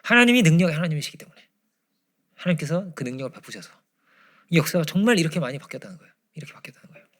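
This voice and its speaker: A man preaching a Friday prayer-meeting sermon, swinging from loud emphasis to hushed near-whispers. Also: on the high side, sing-song, racing. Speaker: pastor. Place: church.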